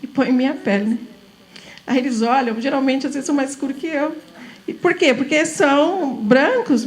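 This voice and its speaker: A middle-aged woman from São Paulo talks to a room of teachers in a high, lively voice. She lectures informally and chattily, laughs easily, and keeps tossing the audience little questions for agreement. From São Paulo, Brazil.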